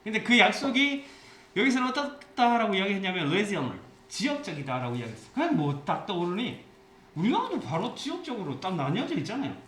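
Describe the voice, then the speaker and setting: A man teaching an English class with a Gyeongsang accent, explaining passages and telling jokey anecdotes in a lively way. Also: high-pitched, a little fast. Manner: lively, jokey storytelling, mixes English phrases into Korean. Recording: echoey classroom with faint hiss.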